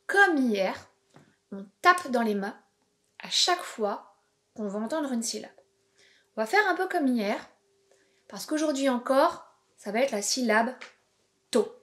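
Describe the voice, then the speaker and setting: A woman, a preschool teacher giving a home-school video lesson to young children in a slow, clear, encouraging way. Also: high voice, a bit bright.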